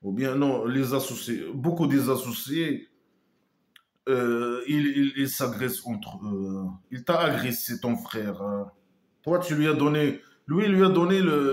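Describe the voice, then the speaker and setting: A man's voice: mid-range voice, lively intonation, a little slow, echoey room. A man giving a casual critical monologue, scornful and mocking, hesitating with many trailing asides. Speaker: online commentator.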